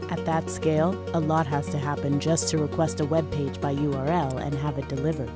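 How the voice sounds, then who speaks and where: A woman reading a scripted explainer as narrator, measured and precise. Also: low-pitched, flat delivery. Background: background music.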